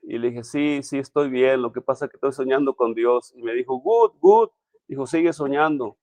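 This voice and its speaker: A man, a pastor, telling his personal testimony in a halting, emotional way with many restarts. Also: mid-range voice, fairly even intonation, a little mellow, no room sound. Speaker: pastor, interview guest.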